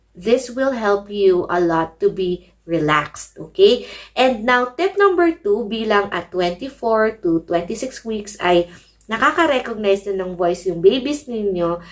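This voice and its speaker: Chatty woman vlogger, a bit high. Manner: chatty, addresses viewers as mommies, mixes English in. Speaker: parenting vlogger. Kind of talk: casual advice vlog.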